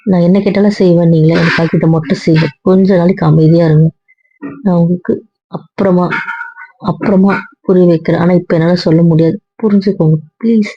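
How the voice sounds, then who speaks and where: A woman's voice: on the low side, steady tone, a little fast, husky, dry recording. A woman playing a young wife in a hobby audio drama, earnestly pleading and refusing over and over, recorded with a dull lo-fi sound.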